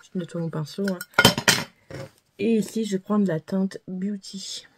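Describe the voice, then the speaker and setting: A woman's voice: medium pitch, unhurried, heavy background noise. A woman vlogger chatting casually through a makeup tutorial, self-deprecating and full of fillers and repeated words. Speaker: beauty vlogger.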